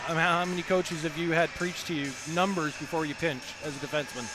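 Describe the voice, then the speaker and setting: A man's voice: a little high, fairly even intonation, quick pace, background noise. Casual male hockey color commentator.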